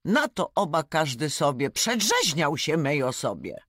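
A reader reciting rhyming fables aloud in an expressive, rhythmic way. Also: medium pitch, a little slow, no room sound, clean studio sound. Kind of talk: reading verse fables aloud.

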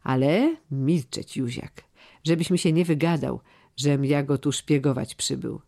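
A man's voice: fairly high pitch, unhurried, creaky, mellow. A man reading the part of an aging, loyal steward who speaks in a solemn, earnest, old-fashioned way. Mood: grave, earnest. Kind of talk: audiobook character reading.

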